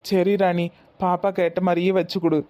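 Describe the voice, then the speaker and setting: A woman voicing an elderly, mildly stern father-in-law with a Tirunelveli Tamil accent in a cartoon, speaking slowly and in a measured way. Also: lowish voice, flat delivery, warm tone, close to an everyday voice. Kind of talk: cartoon voice acting.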